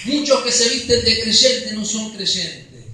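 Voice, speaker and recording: A man's voice: sits high, expressive, takes it slowly, bright, forceful tone. A man with a Rioplatense accent preaching a sermon in a church, emphatic, checking in with the congregation. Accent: Rioplatense Spanish. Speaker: pastor. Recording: echoey hall, voice from far off.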